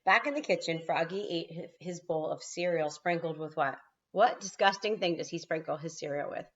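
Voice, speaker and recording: A kindergarten teacher reads a storybook aloud to young children, pausing for explanatory asides. Her voice is low-pitched and moves at a moderate pace. The audio is slightly lo-fi.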